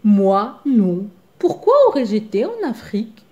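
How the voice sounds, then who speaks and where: A woman voicing a boastful, excitable male blackbird in a children's story, squealing and bossy. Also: medium pitch, a little slow, echoey room, lo-fi sound. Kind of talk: storybook character voice.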